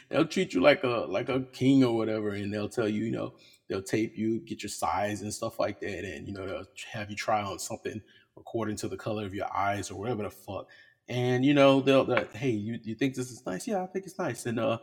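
A man's voice: fairly low pitch, breathy edge. A man hosting his own podcast in a home studio, talking casually in a blunt, profane, joking way. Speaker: podcast host. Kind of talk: casual solo podcast talk.

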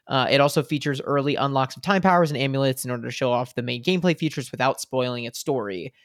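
Relaxed man podcast co-host. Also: mid-range voice, quick pace, no echo, clean studio sound. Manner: relaxed, filler-heavy, reads news aloud. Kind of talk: casual chat.

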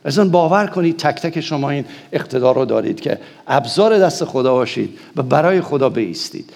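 A man's voice: mid-range voice, animated, vocal fry, darkish tone. A man from Iran, a pastor, preaching and praying in a commanding, impassioned way, repeating phrases for emphasis. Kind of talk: sermon with fervent prayer. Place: church hall. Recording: long church hall reverb.

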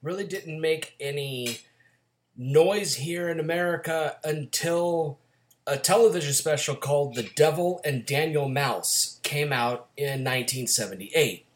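A man with a raspy, gravelly voice, getting over a cold, talking casually as co-host of a film podcast. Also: a little high, measured pace.

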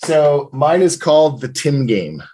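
A man's voice: on the high side, sing-song, unhurried, warm tone, husky. A man talking informally as a podcast co-host and game master, telling stories and quoting players in casual conversation. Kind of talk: casual chat about tabletop gaming.

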